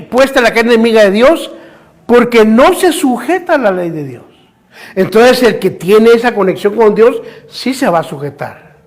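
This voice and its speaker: A man preaching a fervent sermon in church as pastor, firing rhetorical questions and calling his listeners brother. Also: high-pitched.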